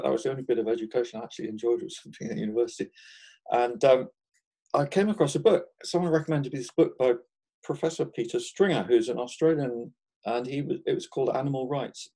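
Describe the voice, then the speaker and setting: An Englishman in his sixties, a market gardener, chats easily as a guest in an interview. His warm, mellow voice sits at a middle pitch, and he often restarts sentences, laughing softly between thoughts.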